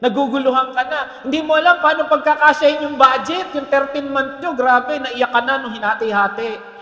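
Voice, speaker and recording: A Filipino man preaching in a church hall, his voice pitched unusually high for a man. He talks in an animated, joking way and keeps tossing questions to the congregation. The sound carries a long, roomy reverb from the hall around him. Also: a little fast. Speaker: pastor. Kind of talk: sermon.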